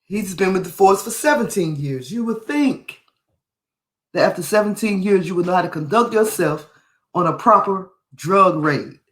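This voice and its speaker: Reading and commenting on a news piece, a podcast host speaks indignantly and repeats phrases to stress his points. His male voice sits high and is expressive, fairly bright in tone, at a moderate pace, in an echoey room.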